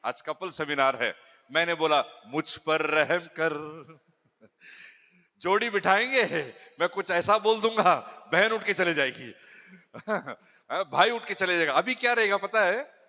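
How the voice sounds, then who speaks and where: A male pastor giving a humorous sermon, telling stories with lively jokes and interjections. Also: high voice, a little slow. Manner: animated storytelling with jokes and interjections. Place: church hall. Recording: echoey church hall.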